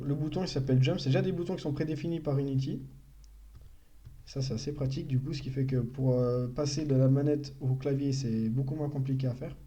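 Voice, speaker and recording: A young man walks viewers through programming in a relaxed live-stream tutorial. His voice is warm and mellow, at a middle pitch. He thinks aloud and often backtracks to fix what he just said. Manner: thinks aloud, self-correcting, chatty explanations.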